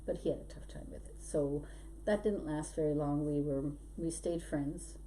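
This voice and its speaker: Chatting casually as a podcast guest, this middle-aged hypnosis trainer, born in Belgium and brought up in Canada, tells stories about her life and laughs a lot. Her low voice keeps a steady, mellow tone at a moderate pace. Faint background noise can be heard.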